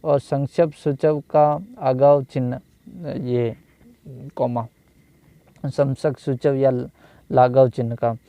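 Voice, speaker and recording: A man teaching a grammar lesson, repeating each phrase and pausing to think with restarts. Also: mid-range voice, little pitch movement, no room sound. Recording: dull lo-fi dry recording.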